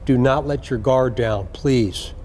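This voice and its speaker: Male senior police official, mellow relaxed tone, earnest ceremonial speech, deliberate repetition, faint background noise. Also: medium pitch. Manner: earnest, measured, deliberate with repeated phrases. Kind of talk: ceremonial address to recruits.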